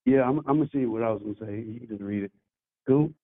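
A man's voice: fast talker, no room sound. Muffled man on a tinny phone line. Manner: loose, repeats words, fills with "like". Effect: muffled, bass-heavy phone line. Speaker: remote caller on a show. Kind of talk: casual chat. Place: on the move, leaving an office.

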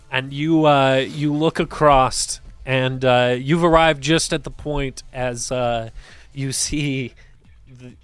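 A man's voice: medium pitch, clean tone, no room sound. A man running a tabletop game as game master, narrating loosely with plenty of fillers. His voice is recorded dry and close, with no room sound.

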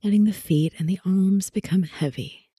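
A woman with a very dark, soft, slightly husky voice works as a sleep story narrator, guiding relaxation. She speaks soothingly in unhurried phrases, leaving long pauses and drifting toward a whisper, recorded close and dry. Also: mid-range voice, no room sound. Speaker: guided sleep meditation narrator.

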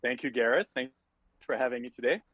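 A man's voice: mid-range voice, fast, husky, no echo, narrow, tinny audio. A middle-aged man from France with a French accent, chatting casually as a podcast guest with many fillers and easy laughter. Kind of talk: casual interview chat.

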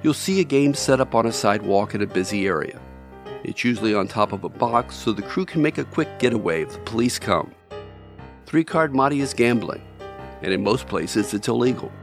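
A man hosting a podcast, reading scripted narration in a measured storytelling way, addressing the listener directly. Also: medium pitch, animated, music in the background. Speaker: podcast host.

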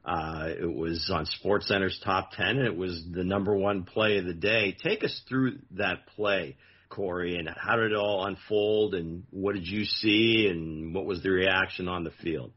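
Very deep-voiced husky man as interviewer, steady questions, lo-fi sound. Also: measured pace. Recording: dull lo-fi recording.

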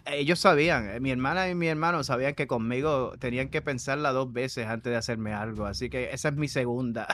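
A podcast co-host telling childhood stories in casual chat, animated and laughing often. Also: female voice, rumbling low, brisk, a little hiss or hum.

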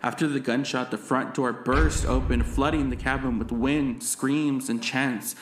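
A man co-hosting a casual movie podcast, recapping a horror film's plot with animated commentary. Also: mid-range voice, unhurried, roomy sound, background noise. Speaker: podcast co-host. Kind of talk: casual movie review chat.

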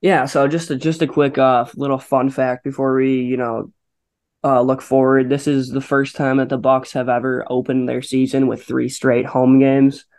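A man's voice: mid-range voice, little pitch movement, normal speed, a little mellow. A man co-hosting a sports podcast, talking casually with many fillers and restarts. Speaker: podcast co-host.

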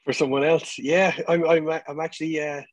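A man talks in a slightly high, fairly flat voice, close and dry. He chats casually about football, hesitating and doubling back on words. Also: moderate pace, no room sound. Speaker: guest pundit on a football fan show. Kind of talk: casual chat.

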